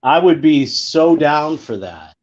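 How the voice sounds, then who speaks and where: A man's voice: a little high, big pitch swings, slow, darkish tone, highs cut off. A man co-hosting a casual livestream, chatting in an easygoing way. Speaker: livestream co-host.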